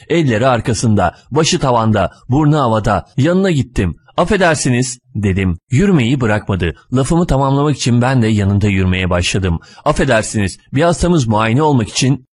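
A man narrating a short story in a measured, deliberate, dry manner. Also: medium pitch, a little mellow, slightly rough.

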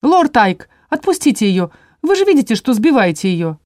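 A woman voicing a shrill, bossy house spirit. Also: very animated, normal speed, no room sound, clean studio sound. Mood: urgent. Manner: urgent, commanding, shouting orders. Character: bossy female house spirit in tree form.

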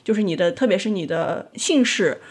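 Casting note: woman, startup founder guest, chatty and thoughtful, mid-pitched voice. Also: animated, moderate pace, breathy edge. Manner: thoughtful, explains step by step. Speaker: guest, design tool founder. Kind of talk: casual podcast conversation. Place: North America.

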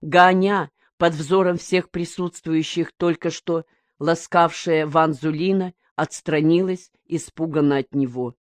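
A woman narrating a novel as an audiobook, reading in an even, measured storytelling manner. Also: low voice, no room sound.

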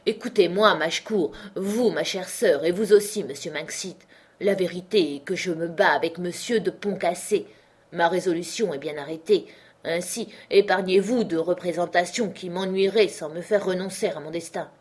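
A woman reading the part of a proud young country doctor who speaks with ironic, spirited defiance, in a slightly husky voice. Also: lowish voice, moderate pace.

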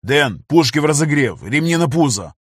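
A no-nonsense male pilot, voiced by a man narrating a sci-fi audiobook, giving short, clipped commands. His tone is husky and dry. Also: on the high side, sing-song, normal speed, no room sound, voice pushed up. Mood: commanding. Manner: clipped orders.

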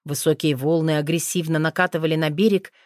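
A woman narrating a first-person audiobook in a steady, expressive storytelling manner. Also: low voice, a little fast, dry recording, clean studio sound.

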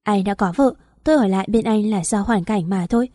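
A woman reading the part of a hurt, defiant young woman in an audio story, with a mellow voice. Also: medium pitch, a little fast, no room sound, clean studio sound, lightly acted. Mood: wounded. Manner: pleading, defiant.

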